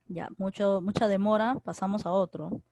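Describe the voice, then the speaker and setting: A woman's voice: medium pitch, steady tone, moderate pace, warm tone, dry recording. A middle-aged woman, teaching an online grammar class and explaining step by step with frequent tag questions. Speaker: secondary school teacher. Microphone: computer mic in a video class.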